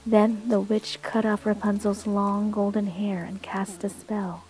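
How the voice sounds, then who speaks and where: A woman narrates a bedtime fairy tale in a soft, soothing voice. Her pace is very slow and her tone mellow and dark. Calm music plays faintly underneath. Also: mid-range voice, rough recording. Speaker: storyteller. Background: soft calm music and rain.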